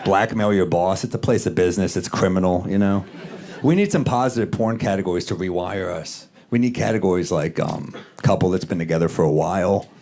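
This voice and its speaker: A man doing a stand-up comedy set on stage in a dry, deadpan manner. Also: sits low, fairly quick. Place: comedy stage in front of a live audience. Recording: live show with audience laughter and room noise.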